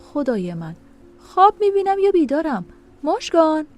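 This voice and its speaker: Woman voicing an earnest young man, gentle former fiancé, audio story, high-pitched, lively delivery. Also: soft background music. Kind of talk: audio drama reading.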